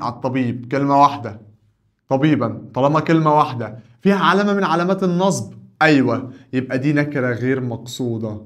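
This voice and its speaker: An Arabic teacher with an Egyptian accent leads a grammar lesson by firing off questions and answering them himself. His voice rises on each question and drops low for the answers.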